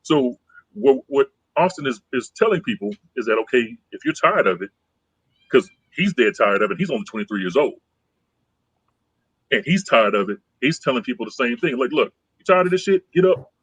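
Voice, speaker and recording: Here the husky, faintly breathy man talks at a moderate pace in a laid-back podcast conversation, his mid-range voice conciliatory and calm. He wanders, returning to and repeating phrases. There's no room echo; the audio is dry and close-up.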